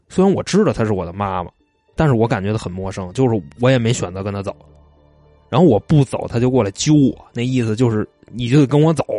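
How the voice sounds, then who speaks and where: A man's voice: mid-range voice, mellow, no room sound. A man, telling stories in a casual chat, retelling them loosely with asides. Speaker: storyteller.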